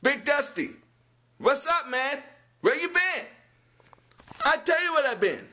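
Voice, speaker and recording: A young man vlogs casually at home in a high, bright voice. His intonation swings widely, with emphatic, choppy phrasing. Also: very animated, unhurried. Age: young adult. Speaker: video creator. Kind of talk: casual vlog to camera. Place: small room at home.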